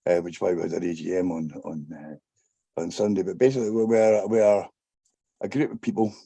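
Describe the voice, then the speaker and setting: A man with a very dark, low voice talks haltingly as an interview guest. It is rough and creaky, with long hesitations. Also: steady tone, dry recording. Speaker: panel guest. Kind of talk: casual interview talk.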